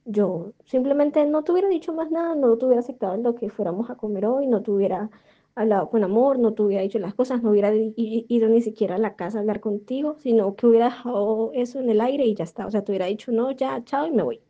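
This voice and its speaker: A woman's voice: a little high, fast talker. A woman talking earnestly to her partner, pleading and repeating herself as she works through a relationship problem. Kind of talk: emotional monologue to a partner. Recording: dull lo-fi recording.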